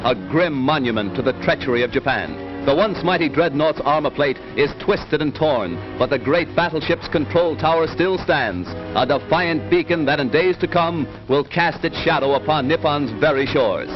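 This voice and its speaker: A man's voice: on the high side, moderate pace, few pauses. Man, old newsreel narration, emphatic, lo-fi film soundtrack, music behind. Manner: emphatic, rousing, declamatory. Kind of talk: dramatic 1940s newsreel narration.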